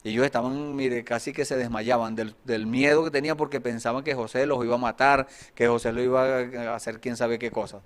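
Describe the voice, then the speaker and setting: A man preaching a sermon, reading scripture aloud with force and then explaining it more quietly, with pauses and fillers. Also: mid-range voice, fairly even intonation.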